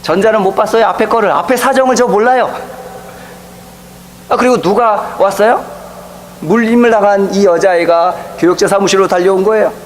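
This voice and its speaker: A middle-aged man preaches a sermon from the pulpit, his voice sitting fairly high for a man. He tells stories in a lively way and briefly acts out the people he quotes. A faint hum runs under the recording. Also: brisk, rough recording. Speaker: pastor. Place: church sanctuary.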